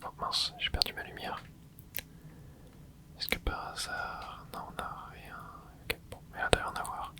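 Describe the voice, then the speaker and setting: It's an ASMR let's play from a gaming creator who whispers in a breathy, unvoiced way throughout. Soft, casual remarks and little interjections unfold a little slowly.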